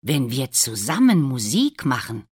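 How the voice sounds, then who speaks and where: A woman's voice: very deep voice, very animated, unhurried, darkish tone, breathy edge, voice pushed down, exaggerated voice. A woman voicing a friendly, cheerful donkey in a storybook reading, encouraging the others.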